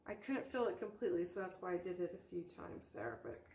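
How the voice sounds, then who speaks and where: A woman's voice: on the low side, very animated, a little fast, a little mellow. Woman giving a casual craft tutorial, roomy echo. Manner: informal, explaining step by step as she works. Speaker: host of a soap-making tutorial channel. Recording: roomy echo, faint background noise.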